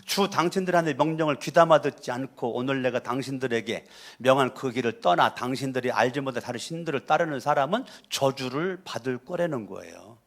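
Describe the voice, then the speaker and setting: A pastor from Chungcheong preaching a sermon, emphatic and repetitive, often calling on the congregation to answer. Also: male voice, mid-range voice, fairly quick. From Chungcheong, Korea. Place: church sanctuary.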